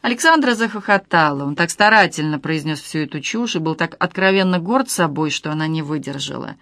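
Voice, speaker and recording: An audiobook reader narrating a novel in a steady, even storytelling voice. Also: mid-range voice, brisk, gravelly, no echo, studio quality.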